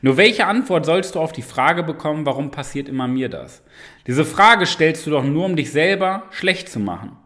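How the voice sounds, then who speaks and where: Male self-help coach, direct-address monologue, emphatic, animated intonation. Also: a little high, moderate pace, few pauses. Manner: emphatic, addresses listener directly, frequent rhetorical "ja?". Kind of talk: motivational monologue.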